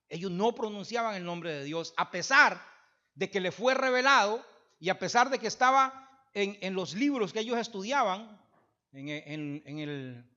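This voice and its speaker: Man, pastor, high voice, sermon, emphatic then quiet, dull lo-fi church recording. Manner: swings from loud emphatic preaching to quiet conversational asides; repeats and restarts phrases, asks the congregation "verdad?".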